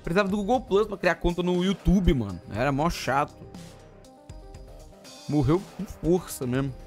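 A young man with a Brazilian accent, streaming and reacting excitedly with lots of slang and exclamations. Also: on the high side, moderate pace, soft background music. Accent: Brazilian Portuguese.

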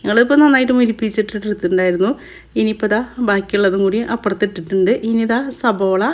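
A woman's voice: medium pitch, quick pace, darkish tone. A woman with a Kerala Malayalam accent, chatty, giving a casual voice-over for a home cooking video. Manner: chatty, adds tag words after each step. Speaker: cooking vlogger. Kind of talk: casual voice-over narration of a recipe.

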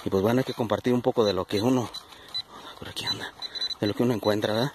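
Un hombre con acento mexicano que narra con tono de charla su búsqueda con detector de metales en un campo, hablándole a sus seguidores como amigos. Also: male voice, fairly low pitch, steady tone, quick pace, noisy background. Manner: chatty, addresses viewers as friends. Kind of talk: casual outdoor vlog narration. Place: outdoors in a plowed field.

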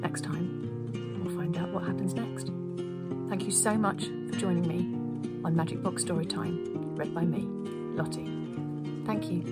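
A woman reading a children's story aloud in a gentle, playful way. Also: lowish voice, measured pace, long pauses, over loud music.

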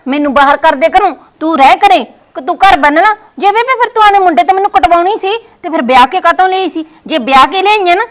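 A woman's voice: extremely high pitch, a bit bright. A woman with a Punjabi accent playing a bossy, scheming young daughter-in-law who orders her mother-in-law around. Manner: commanding, scolding. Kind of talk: scripted family skit.

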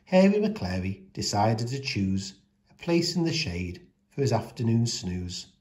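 Here a man's fairly low voice carries a children's picture book read-aloud. He takes on the storyteller's role, delivering each rhyme deliberately and expressively.

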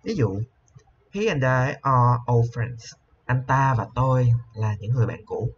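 A man explaining a beginner English lesson. He has a medium-pitched voice and a patient, repetitive way of teaching, going over each word several times. The recording is a little dull and lo-fi, with a faint hiss underneath. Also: animated. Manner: patient, repeats each word slowly, frequent "ha" tags.

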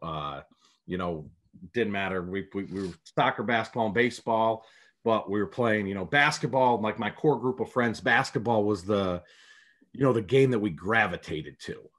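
A man's voice: fairly low pitch, normal speed, a bit bright. A man from upstate New York, a basketball coach, answering interview questions over a video call in a rambling, storytelling way with many restarts. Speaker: head prep basketball coach, guest.

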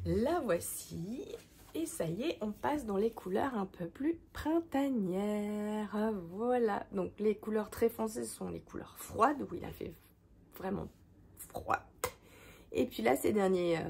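A woman talks casually about her crafts and reading, wandering from thought to thought with frequent hesitations. Her mid-pitched voice has a gravelly edge, and a faint hiss sits under the recording. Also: a little mellow. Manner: rambling, many hesitations. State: hoarse from a head cold. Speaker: craft vlogger. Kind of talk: casual chat. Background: washing machine running.

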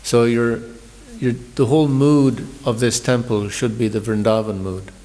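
A man's voice: medium pitch, steady tone, a little slow, mellow, long reverb tail. A man giving a morning scripture class, talking in a conversational storytelling sermon, often repeating words as he restarts. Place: large temple hall.

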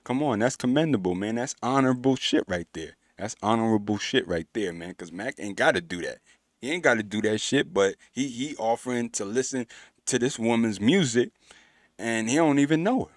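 A man's voice: medium pitch, animated, fairly quick, no room sound, clean studio sound. Slangy, hyped man reacting. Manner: slangy, repetitive, stammering restarts; hyped, emphatic praise. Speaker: reaction video host. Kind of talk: casual reaction commentary.

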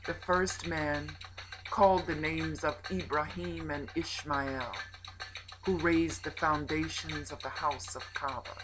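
Slow, expressive woman storyteller. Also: low voice, low-quality recording. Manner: slow, expressive, drops to a whisper. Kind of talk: storytelling performance of a folk tale. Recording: added nature ambience.

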